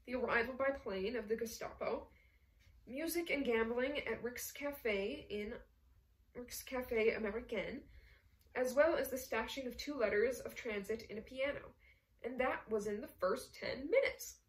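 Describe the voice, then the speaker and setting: Woman narrating a novel, slightly high voice. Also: measured pace, reverberant, far from the mic, rough recording. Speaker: audiobook narrator. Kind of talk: scripted narration.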